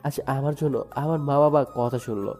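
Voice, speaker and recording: A man's voice: medium pitch, normal speed, darkish tone, soft background music. A man narrating a first-person dramatic story in a sorrowful, emotive way. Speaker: narrator and lead voice.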